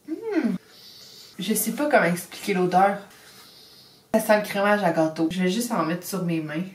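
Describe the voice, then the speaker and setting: A woman's voice: fairly low pitch, recorded from a distance, slight background noise. Chatty young Québécois woman in an echoey room. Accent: Québécois French. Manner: chatty, upbeat, drops English beauty terms. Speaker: beauty vlogger. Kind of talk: casual unboxing and makeup tutorial. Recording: echoey room, voice a bit off-mic.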